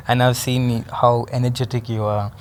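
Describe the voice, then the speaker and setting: A man's voice: mid-range voice, little pitch movement, over a noisy crowd. A man hosting an interview, asking questions in an easygoing way with lots of short replies. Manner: casual, quick back-channel replies and laughs. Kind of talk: interview conversation.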